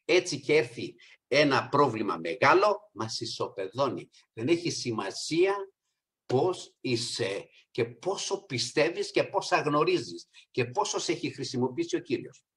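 Greek preacher with a lively, swinging voice. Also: male voice, mid-range voice. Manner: preaching with wide swings from soft asides to raised, emphatic peaks; addresses listeners as brothers and sisters. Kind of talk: sermon.

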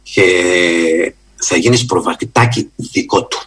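A man preaching a sermon in an earnest, emphatic way, often rising in pitch and slowing for stress. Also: slightly rough. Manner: earnest, emphatic, with lively rises in pitch and slow stressed phrases.

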